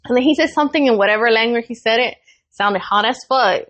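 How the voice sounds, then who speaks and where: Young woman co-host, lively and foul-mouthed, raised pitch, casual chat. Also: fast talker. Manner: animated, profane, laughs often. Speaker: podcast co-host.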